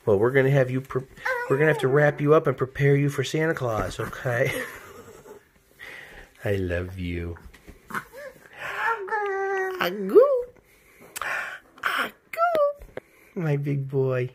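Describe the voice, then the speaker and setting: A man's voice: medium pitch, unhurried, noisy background. A father speaking baby talk to his infant son, doting and sing-song, repeating words over and over.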